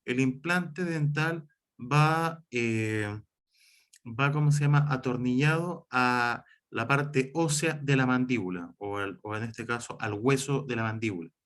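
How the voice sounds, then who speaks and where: Man, from Chile, online class teacher, explanatory, frequent fillers and restarts, middle pitch.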